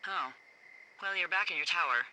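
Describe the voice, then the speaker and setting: An actress playing a playful, quick-witted fire lookout supervisor who talks over the radio in a video game. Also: female voice, on the low side, low-quality recording. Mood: worried. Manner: teasing, animated. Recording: game audio over loud forest noise.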